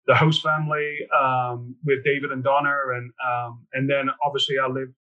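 A man from near chats as a podcast guest, relaxed and dotted with ums and uhs. His voice is bright and forceful. The audio sounds a little dull and lo-fi. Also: medium pitch, moderate pace. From England, near Liverpool. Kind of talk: casual interview chat.

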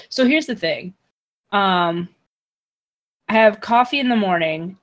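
A woman co-hosting a casual chat, talking in long, rambling explanations. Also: mid-range voice.

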